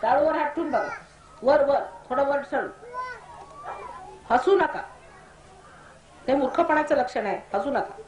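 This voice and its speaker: A woman's voice: high voice, brisk, darkish tone, highs cut off, a little hiss or hum. Stern woman guiding a meditation, echoey. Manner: commanding, scolding. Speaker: spiritual teacher. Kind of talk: guided meditation instructions to a crowd. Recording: echoey hall recording.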